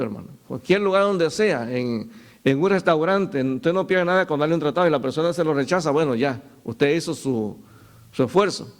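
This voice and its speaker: A middle-aged man preaching a sermon as pastor, telling stories and calling his listeners "brother". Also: a little high. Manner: storytelling, addresses listeners as "hermano".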